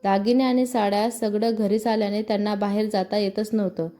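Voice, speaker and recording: Mellow-voiced woman narrating a Marathi story. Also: medium pitch, brisk. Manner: reads all parts in one even narrating voice. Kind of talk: scripted story narration with character dialogue.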